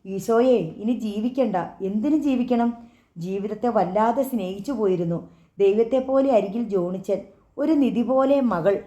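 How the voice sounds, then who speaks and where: A woman narrating a story audiobook in a measured, dramatic manner. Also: medium pitch, mellow. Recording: echoey, slightly dull recording.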